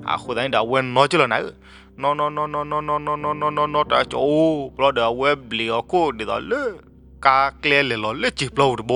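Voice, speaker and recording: A man tells a love story in a slow, unhurried delivery, his tone bright and forward. Soft music sits faintly behind his voice. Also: medium pitch.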